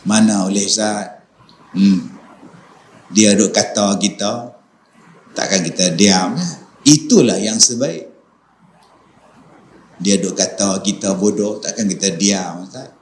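A man's voice: lowish voice, slow pace, long pauses, voice pushed down. A man voicing a stubborn, aggrieved male congregant with a Northern Malaysian accent who keeps asking for agreement. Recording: echoey mosque hall, faint noise.

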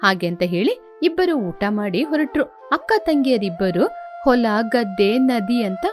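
A woman with a high voice tells a storybook tale at a steady, even pace. Soft music runs faintly underneath her narration. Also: a little slow.

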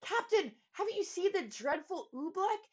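A woman voicing a frantic young boy page, shouting breathless warnings in a storybook reading. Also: very high-pitched, very animated, moderate pace, pitched above the performer's own voice. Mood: urgent alarm.

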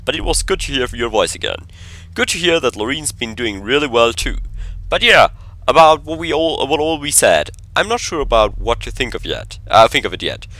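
A man's voice: mid-range voice, sharp tone. An uneasy letter writer, as a man reads the note aloud. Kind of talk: reading a note aloud in a game.

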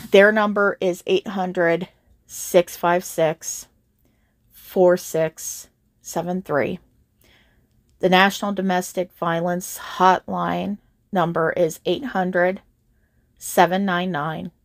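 A woman's voice: lowish voice, fairly even intonation, slow, long pauses, dry recording, studio quality. A woman voice actor hosting her own channel, earnestly speaking straight to her listeners in a casual update.

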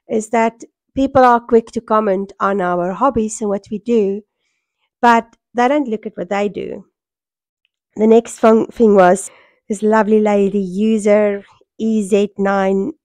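A middle-aged South African woman with a hoarse voice worn by a cold, chatting casually in a home vlog. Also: medium pitch, a little mellow, no room sound. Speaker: sewing vlogger. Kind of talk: casual vlog chat to camera. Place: small furnished room at home, indoors. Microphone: small microphone held near the mouth.

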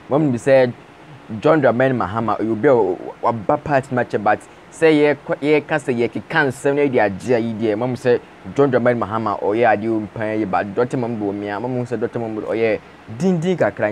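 A young man presents the news in a steady spoken commentary, with frequent fillers, recorded on an earphone mic in a small room. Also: mid-range voice, slight background noise. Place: small indoor room with patterned wallpaper. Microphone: wired earphone mic, webcam framing.

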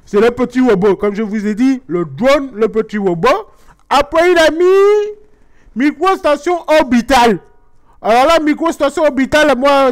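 In character as a talkative Guadeloupean mom in middle age, a man offers comic commentary on gameplay with a high, smooth voice and Guadeloupean French accent. She rambles earnestly, explaining things with mock naivety about games.

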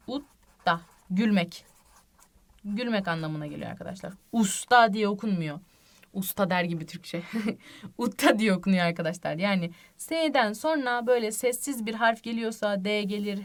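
A woman teaching a language lesson online, patient and reassuring, repeating each example word slowly and often checking in with her students. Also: medium pitch. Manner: asks the class frequent tag questions. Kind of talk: online lesson explaining reading rules.

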